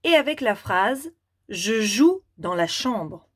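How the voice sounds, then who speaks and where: Slow-speaking woman teacher. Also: medium pitch, very animated. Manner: slow, deliberate, repeats syllables clearly. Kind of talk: children's reading lesson.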